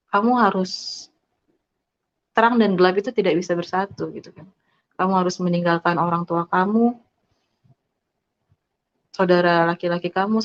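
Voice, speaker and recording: A woman giving an earnest, halting personal faith testimony, pausing often with fillers. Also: fairly low pitch. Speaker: testimony speaker. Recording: dull lo-fi sound.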